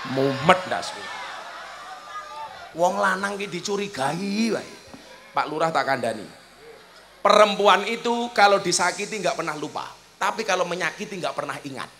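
A man with a Javanese accent preaching a humorous sermon at a village gathering, swinging between loud preaching and soft joking asides. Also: sits high, slight background noise. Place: outdoor village event.

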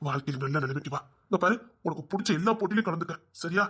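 A man playing a caring, protective young man who speaks gently and reassuringly. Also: a little high, expressive, racing, slightly rough.

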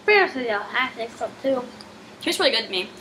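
A woman chatting casually during a snack taste test, chewing while talking and trading short, relaxed remarks. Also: on the high side, brisk, background noise.

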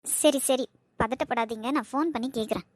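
A woman's voice: fairly high pitch, no room sound, clean studio sound, close to an everyday voice. A woman voicing the anxious women of a family in a cartoon, speaking with a Kanyakumari Tamil accent. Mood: worried. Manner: fretful, quick family bickering. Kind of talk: cartoon voice acting.

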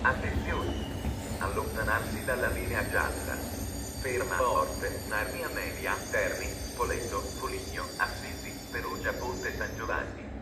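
A man giving a formal, measured, automated train station announcement over loudspeakers on an outdoor railway platform. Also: on the low side. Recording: distant echoey station PA, loud train noise. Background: trains and station ambience.

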